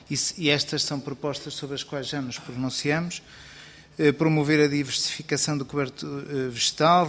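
A man's voice: medium pitch, fairly bright tone, a little hiss or hum. Man, formal committee testimony, hesitant and bureaucratic, voice echoing in a long-reverb hall. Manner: measured, bureaucratic, many hesitation fillers. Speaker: agency president giving testimony. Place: parliamentary committee room.

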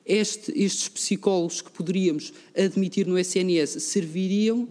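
A man's voice: sits high, moderate pace, darkish tone. Young man reading a policy proposal. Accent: European Portuguese. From Portugal. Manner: formal, stumbles over words. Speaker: youth parliament delegate.

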